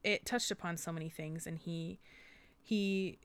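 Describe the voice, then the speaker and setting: Low-voiced woman gushing on a podcast. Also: steady tone, unhurried, a bit bright, smooth. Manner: gushing, emotional, laughs often. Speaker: podcast co-host. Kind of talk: casual chat.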